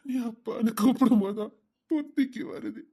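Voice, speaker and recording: A man's voice: extremely high pitch, fairly quick, gravelly, dark tone, exaggerated voice. A man playing a grief-stricken father who cries and pleads with his daughter for forgiveness in a TV serial. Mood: anguished. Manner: sobbing, pleading, breaking into tearful laughs. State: crying. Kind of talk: TV serial acting.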